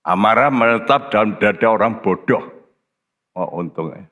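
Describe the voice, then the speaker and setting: A man preaching a sermon as pastor, slow and emphatic, with sudden high-pitched stresses on key words. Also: animated, phone-quality sound. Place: church. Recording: church hall reverb.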